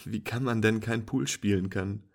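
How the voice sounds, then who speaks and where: A man's voice: fairly low pitch, normal speed, gravelly. A man voicing a friendly young woman who patiently teaches pool, playful and encouraging as she speaks. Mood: cheerful, instructive. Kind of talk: storytelling with acted dialogue.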